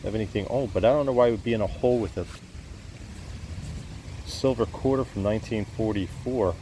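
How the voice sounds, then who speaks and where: Faint outdoor noise sits behind a man with a fairly low voice. He narrates casually like a hobbyist vlogger out in the field. His delivery is a bit tentative, as if thinking aloud. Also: brisk, mellow. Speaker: metal detecting hobbyist showing finds. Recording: clear outdoor background noise.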